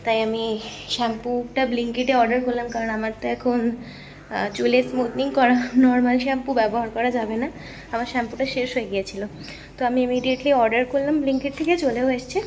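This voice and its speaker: A woman's voice: a little high, steady tone, moderate pace, a little mellow, slight background noise. A young woman thinking aloud in a rambling vlog monologue. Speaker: vlogger.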